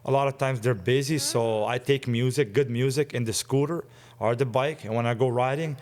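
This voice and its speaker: A man in his forties sits as a guest and tells stories in an eager, rambling way, chuckling often. His voice sits at an ordinary middle pitch. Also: fairly quick, darkish tone. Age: 40s. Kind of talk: casual storytelling chat.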